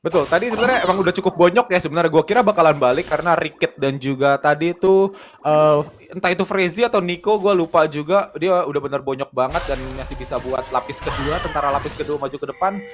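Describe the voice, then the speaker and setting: A man with a colloquial Jakarta Indonesian accent giving excited analytical game commentary, exclamatory and full of English gaming terms. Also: a little high, fast, faint music behind.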